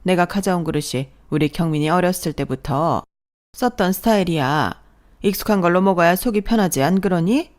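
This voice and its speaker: A woman's voice: on the low side, a little fast, darkish tone, close to an everyday voice. A woman voicing a nagging, sarcastic older mother-in-law who scolds as she speaks. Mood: scolding.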